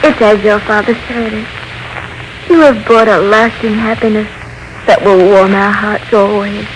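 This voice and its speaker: A woman playing a tender, excitable wife in an old radio drama, speaking with heartfelt theatrical earnestness. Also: mid-range voice, a little slow, noisy background, lightly acted. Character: devout, tender, excitable peasant wife longing for a child. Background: music.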